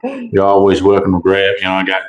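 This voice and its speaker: A young man with a very deep, low voice talks on a live stream in a laid-back, joking way. His speech rings with echo from the room he sits in. He drops "you know what I'm saying" often as he chats with his co-host. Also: wildly swooping pitch, brisk, phone-quality sound. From Oklahoma. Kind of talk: casual live-stream chat.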